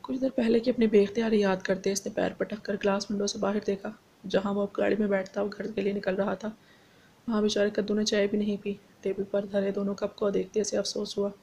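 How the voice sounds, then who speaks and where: A woman narrating a romance novel in a steady storytelling voice. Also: mid-range voice, brisk, creaky, husky. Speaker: audiobook narrator. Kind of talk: novel reading.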